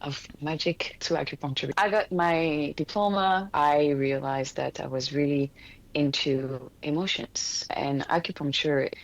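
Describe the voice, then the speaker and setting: Low-voiced woman telling her healing path. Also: steady tone, a little slow, lo-fi sound. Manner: earnest, explains with frequent restarts and small laughs. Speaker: energy healer guest. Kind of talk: casual interview conversation.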